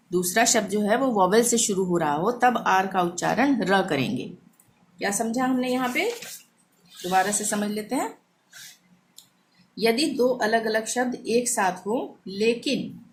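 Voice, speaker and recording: A woman teaching a language lesson, explaining pronunciation rules patiently and repeating each example slowly. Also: mid-range voice, a little hiss or hum.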